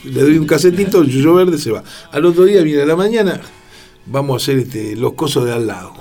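A man with a Rioplatense Spanish accent, a record producer telling lively anecdotes in an interview and acting out the voices of the people he quotes. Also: fairly high pitch, fairly quick, faint music behind. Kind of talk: storytelling interview.

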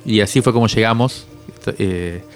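With faint music behind him, a fairly low-pitched man in his forties from Cuba answers interview questions as an author. He is reflective and frequently pauses to find words.

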